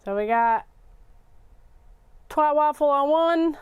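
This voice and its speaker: A woman's voice: sits high, slow, dry recording, lo-fi sound. A woman hosting a craft tutorial in a casual, rambling livestream chat, half talking to herself as she works. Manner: rambling, talks to herself while working.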